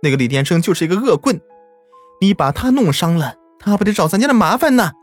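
A man's voice: sits high, sing-song, fast talker, soft background music, voice pushed up. A man voicing an anxious village mother who sharply scolds her son. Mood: scolding.

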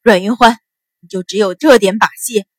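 A woman voicing a defiant captive nobleman who shouts loud insults in a storybook reading. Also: mid-range voice, fairly even intonation, moderate pace, dry recording, close to an everyday voice.

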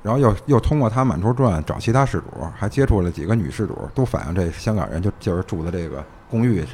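A man's voice: on the low side, lively intonation, fast, a little mellow, a little hiss or hum. A man with a Beijing accent telling stories casually, repeating phrases and tossing in rhetorical questions. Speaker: police officer guest telling case stories. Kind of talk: casual anecdotal storytelling.

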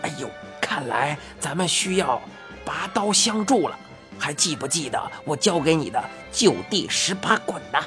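A sly, unhurried old man from a children's storybook, put on by a woman narrator. His voice sits low and swings widely as he drawls and teases. Faint music plays behind. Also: expressive. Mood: eager. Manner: teasing, drawn-out, easygoing.

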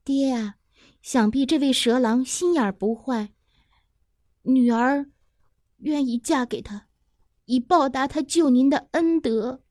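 Woman narrator voicing a gentle, dutiful youngest daughter, soft and kind. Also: sits high, takes it slowly, long pauses, no echo, studio quality, voice pushed up. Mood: tender.

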